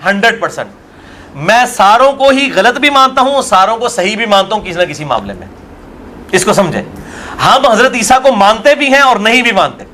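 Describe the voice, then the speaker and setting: Guy, scholar type, argues and asks questions back, highish voice. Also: sharp tone. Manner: argumentative, full of rhetorical questions. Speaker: religious scholar. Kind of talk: religious discussion in an interview.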